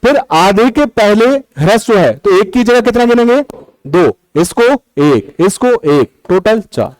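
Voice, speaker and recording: High-voiced man teaching a class. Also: lively intonation, moderate pace, no echo, rough recording. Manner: patient, explains step by step and counts syllables aloud. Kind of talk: classroom lecture on Hindi prosody.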